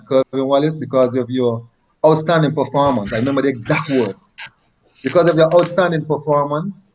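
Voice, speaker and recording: A man's voice: mid-range voice, darkish tone, poor audio. A man from Nevis with a Nevisian Caribbean accent, telling personal stories conversationally and repeating phrases for emphasis. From Nevis, Saint Kitts and Nevis. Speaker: interview guest, former track athlete.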